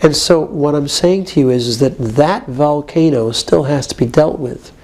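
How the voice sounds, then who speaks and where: A man with a rather high voice leads a support group in a coaching tone. He is directive and keeps checking that his listener follows. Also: moderate pace, a little mellow. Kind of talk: therapeutic coaching.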